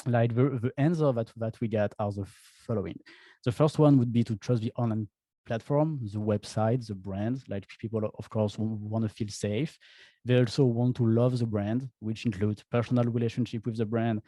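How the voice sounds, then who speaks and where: A man's voice: medium pitch, steady tone, normal speed, mellow, no room sound. A man with a French accent giving a casual presentation as an e-commerce founder, chatty, with frequent restarts and stammered repeats.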